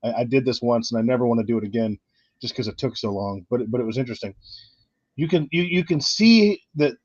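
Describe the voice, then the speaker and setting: A man's voice: mid-range voice, animated, darkish tone, slightly rough, no echo, muffled recording. A man hosting a casual livestream chat, often repeating words as he gets going. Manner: halting, repeats words when starting. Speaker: channel host.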